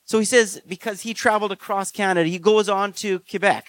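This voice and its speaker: A man preaching a sermon in an earnest, measured way, slowing down on key phrases. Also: high voice, fairly even intonation, fairly bright tone, no echo. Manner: earnest, measured delivery with slow emphatic phrases and frequent fillers.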